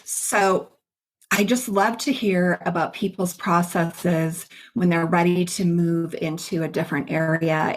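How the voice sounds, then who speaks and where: A cheerful middle-aged woman hosts a conversational interview, her voice sitting a little low. She talks in a chatty, upbeat, storytelling way. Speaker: podcast host. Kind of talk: casual interview chat.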